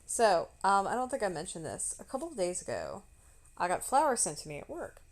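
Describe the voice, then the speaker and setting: A woman streamer telling a story in casual, animated chat, swearing freely. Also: mid-range voice, a little fast.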